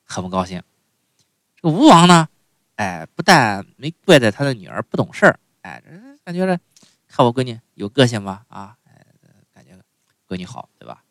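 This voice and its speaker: A male storyteller with a low voice that swings widely as he tells a comic folk tale. He chats with his listeners and keeps tossing in asides. The sound is dry and close. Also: big pitch swings, normal speed, fairly bright tone, no echo. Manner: chatty, lots of "哎" and "对吧" asides.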